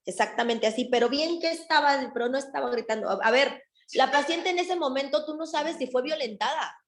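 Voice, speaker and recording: A woman's voice: sits high, a little fast, echoey room. A woman teaching a nursing class, talking conversationally and often adding tag questions. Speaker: nursing instructor. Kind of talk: classroom lecture with anecdotes.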